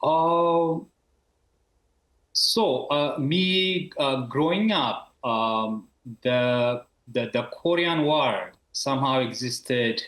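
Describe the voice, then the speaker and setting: An Ethiopian university professor in his thirties answers interview questions over a video call, with many fillers and restarts. His medium-pitched voice is a bit bright and extremely slow. The recording is low quality and reverberant.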